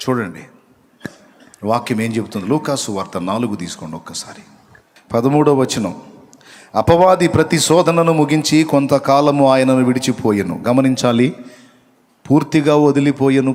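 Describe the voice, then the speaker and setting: A man's voice: mid-range voice, darkish tone. A man preaching a sermon who reads out Bible verses, asks the congregation questions and repeats key phrases for emphasis. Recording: long reverb of a hall.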